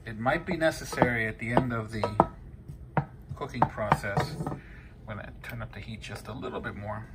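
The Peruvian home cook, a man in his fifties, speaks at normal speed in a lowish voice with fairly even intonation. He walks viewers through each step casually, often using fillers and correcting himself. Kitchen noise fills the recording.

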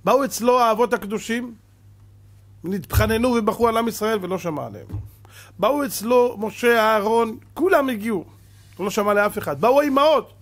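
Man, rabbi, sermon, high-pitched voice, husky, animated, rhetorical.

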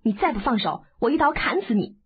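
A woman voicing a haughty, quick-tempered young swordswoman who scolds scornfully. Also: on the high side, expressive, slightly rough. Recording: phone-like narrow band.

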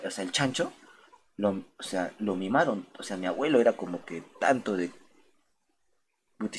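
A man's voice: fairly low pitch, slight background noise. A young man telling stories to his chat on a late-night game stream, rambling, slangy and profane, calling his viewers "gente" over and over.

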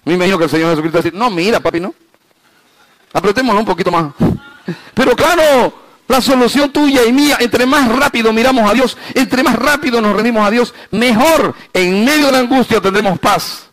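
A male pastor preaching a sermon in a fairly high voice. He swings from loud, high emphasis down to hushed, low passages, and he keeps asking the congregation rhetorical questions. The sound is close and dry, with little room echo. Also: expressive. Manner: slows down to stress key phrases.

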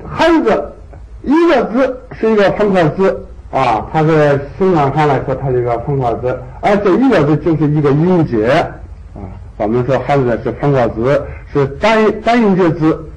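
Lively-pitched male language teacher. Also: poor audio. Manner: patient, repeats key points with drawn-out particles. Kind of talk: classroom lecture.

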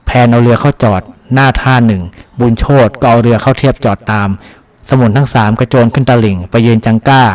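A man narrating a novel as an audiobook, with steady, dramatic storytelling. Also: mid-range voice, a little fast.

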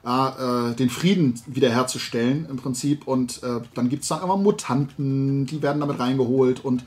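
Speaking at a normal speed in a mid-range, darkish voice, a middle-aged man rambles through a talkative, colloquial hobby video. He hosts from a room at home filled with shelves of toy figures, trying products and recommending them in a relaxed chat.

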